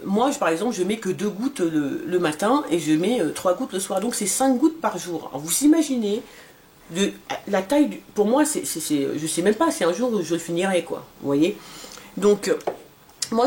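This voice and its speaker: A woman's voice: medium pitch, darkish tone. A woman in her forties casually reviewing a skincare serum for her vlog, talking with many fillers and restarts. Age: 40s. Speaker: beauty vlogger.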